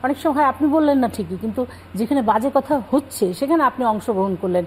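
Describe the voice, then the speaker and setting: A woman speaking as a guest on a religious talk show, calmly explaining scripture and manners. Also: high-pitched, fast talker, a little hiss or hum, poor audio. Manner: calm explanatory, cites scripture.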